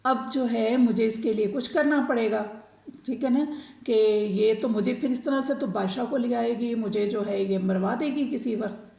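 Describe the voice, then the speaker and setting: An old, weary male bull from a children's storybook, fretting and slow, as a woman puts him on. The voice is gravelly and mellow. It echoes in a roomy space. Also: fairly high pitch. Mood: worried. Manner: slow, anxious musing. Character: old weak male bull, worried and wary. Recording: echoey room.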